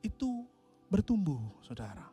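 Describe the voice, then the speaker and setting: A man preaching a sermon in a lively, conversational way, often turning to his listeners directly and acting out the inner voices of a struggling believer. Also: high-pitched, normal speed, faint music behind. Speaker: pastor.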